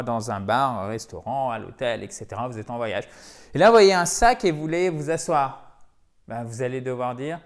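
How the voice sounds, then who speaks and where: Upbeat guy teaching english, chatty, keeps quizzing viewers, voice a bit on the high side. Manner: enthusiastic, chatty, asks viewers questions. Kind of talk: lively video lesson.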